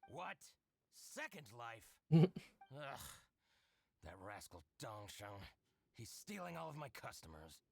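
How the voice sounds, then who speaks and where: An actor playing a sly, fawning merchant in a video game, with a theatrical, sing-song delivery. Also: male voice, mid-range voice, sing-song, slow pace, gravelly, a little mellow, full character voice. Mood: indignant. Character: fawning, sly middle-aged male merchant.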